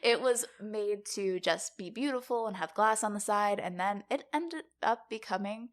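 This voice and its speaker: A young adult woman co-hosts a podcast, presenting the episode's topic in a casual, conversational way. Her voice is medium-pitched at normal speed.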